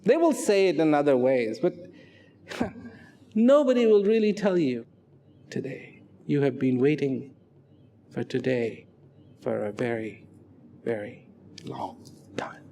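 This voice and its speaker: A man giving a dramatic motivational narration, slow and emphatic, asking rhetorical questions and sometimes dropping to a near whisper. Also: mid-range voice, animated, mellow, a little hiss or hum.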